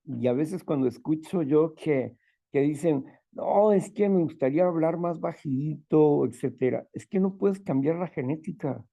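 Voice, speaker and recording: A group leader guides a spiritual talk and prayer in a strong, loud voice that sounds stern but not angry, fervently calling on the Father. His voice is on the high side, unhurried, with vocal fry, and he repeats phrases and often checks in with "¿no?" and "¿verdad?".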